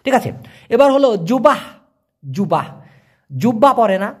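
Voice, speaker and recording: A man's voice: very high voice, sing-song, a little slow, slightly rough. A man teaching a casual language lesson, repeating and spelling out words for learners.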